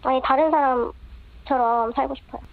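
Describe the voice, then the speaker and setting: A woman's voice: high voice, fairly even intonation, normal speed, creaky, narrow, tinny audio. A woman giving short, hesitant interview answers, her voice electronically disguised to keep her anonymous. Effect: voice electronically altered for anonymity.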